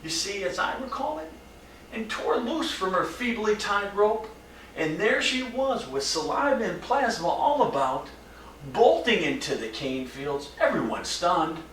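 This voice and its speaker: An actor playing a brooding, haunted grown man in a dramatic monologue, measured and hushed at times, urgent at others. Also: mid-range voice, sing-song, slight background noise. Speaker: stage actor. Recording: roomy echo from mic distance.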